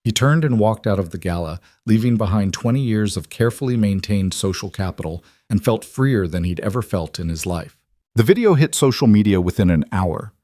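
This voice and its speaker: A man reading a dramatic story as its narrator in an even, measured way. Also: on the low side, dry recording, clean studio sound. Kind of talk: scripted narration.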